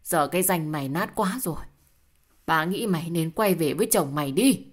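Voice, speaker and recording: A woman's voice: deep voice, expressive, normal speed. Stern weary old father, as a woman reads him. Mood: scolding. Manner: gruff, scolding.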